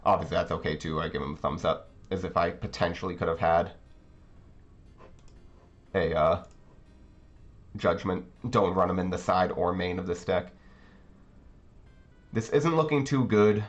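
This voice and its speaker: Faint background music plays under this slightly dull recording of a card game channel host. His low, slightly congested voice moves at a normal speed with long pauses as he casually comments on his matches, reasoning out loud and explaining each play.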